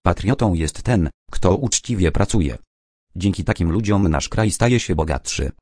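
A man reading out the lines of a calm female schoolteacher who explains things patiently. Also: deep voice, measured pace, no room sound, studio quality. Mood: explaining.

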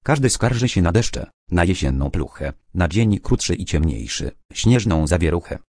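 Deep-voiced man reading children's stories. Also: big pitch swings, moderate pace, darkish tone, no echo, clean studio sound. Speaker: narrator.

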